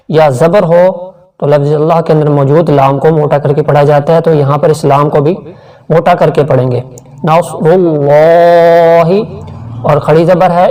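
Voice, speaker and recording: A man teaching tajweed, explaining rules quickly and then reciting each word slowly and drawn out. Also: fairly high pitch, dark tone, far from the mic, poor audio. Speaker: Quran teacher. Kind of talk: tajweed lesson with slow chanted recitation.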